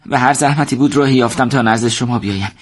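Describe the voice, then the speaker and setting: A man voicing an earnest, determined young man who speaks with quiet urgency. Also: mid-range voice, pitched above the performer's own voice, close to an everyday voice.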